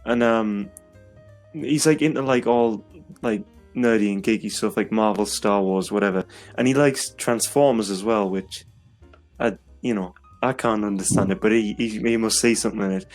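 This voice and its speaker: A man's voice: lowish voice, normal speed, soft background music. Young man telling stories. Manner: laughing, storytelling with loud acted quotes. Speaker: podcast co-host. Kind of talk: casual chat.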